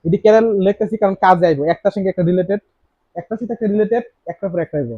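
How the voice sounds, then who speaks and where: Male tutor, high pitch, keeps firing questions at the class, dry room. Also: rapid-fire, no echo. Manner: asks students many rhetorical questions; repeats key words. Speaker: teacher. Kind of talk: classroom grammar lesson. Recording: dry, slightly dull lo-fi sound.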